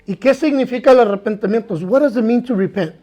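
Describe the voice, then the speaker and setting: A man preaching a bilingual sermon. He says each line in Spanish, then repeats it in English, and slows down to read scripture aloud. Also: extremely high pitch, dark tone, faint music behind. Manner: reads scripture aloud, slowing for emphasis. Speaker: pastor.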